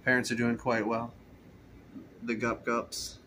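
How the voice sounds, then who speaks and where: In a casual tank walkthrough, a man with an aquarium hobby films his indoor fish room on a handheld phone, chatting and rambling easily. His medium-pitched voice is monotone and sharp in tone, his pace slow, with slight background noise.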